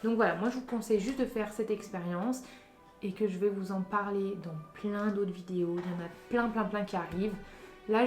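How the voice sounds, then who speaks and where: A young woman from France chatting casually in a vlog, giving emphatic advice straight to her viewers. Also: mid-range voice. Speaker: vlogger. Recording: roomy echo with faint music.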